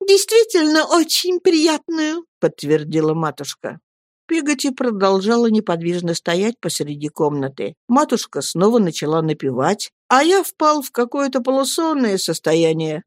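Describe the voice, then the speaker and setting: A woman reading a classic novel aloud, telling it in an expressive, even way. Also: on the low side, normal speed, no room sound, clean studio sound. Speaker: audiobook reader. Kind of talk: literary narration.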